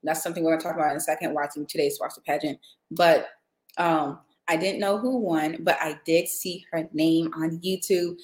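A woman's voice: deep voice, fairly even intonation, brisk, echoey room. A woman hosting a casual podcast, chatting in a rambling way with lots of fillers. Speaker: podcast host. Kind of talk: casual chat.

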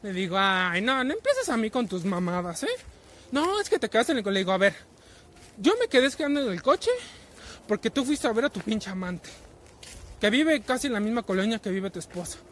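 A man's voice: high-pitched, very animated, fairly quick, fairly bright tone, a little hiss or hum. A man in his twenties with a Mexican Spanish accent, telling stories in a casual, profane rant full of slang and constant güey fillers. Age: 20s. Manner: profane, slang-heavy, fillers of güey after nearly every phrase. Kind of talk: casual ranting storytelling. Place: travelling in a vehicle.

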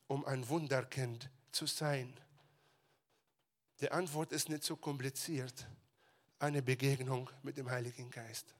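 Bright-voiced preacher with dramatic outbursts. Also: male voice, medium pitch. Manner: dramatic, swings between shouted retellings and quiet asides; mixes English phrases into German. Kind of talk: sermon.

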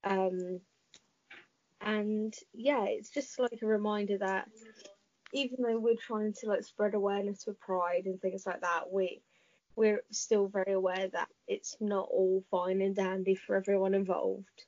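A young woman co-hosting a casual podcast, brisk and teasing but earnest. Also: medium pitch, fairly even intonation, a little mellow, no room sound, highs cut off. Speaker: podcast co-host.

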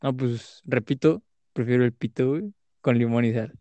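A man's voice: mid-range voice, moderate pace, mellow, no room sound. A young man with a Mexican Spanish accent co-hosting a casual podcast, laid-back and crude. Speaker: podcast co-host.

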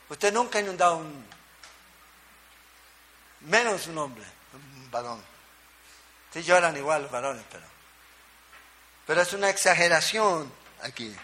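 Bright-voiced preacher checking in with listeners. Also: male voice, on the high side. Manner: conversational, checks in with listeners with a constant "¿ya?"; emphatic, with rhetorical questions and short punchy answers. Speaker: pastor. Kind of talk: expository sermon.

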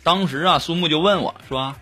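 A man's voice: fairly high pitch, fairly quick. A young man, hosting a comic monologue and chuckling through his punchlines. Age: young adult. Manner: animated joke-telling, chuckling through punchlines. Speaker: host. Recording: voice over loud background music.

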